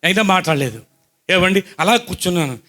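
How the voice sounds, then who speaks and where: A man preaching a sermon, telling a personal story to his congregation and often checking that they understand, swinging between loud outbursts and soft asides. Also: sits high, animated, brisk.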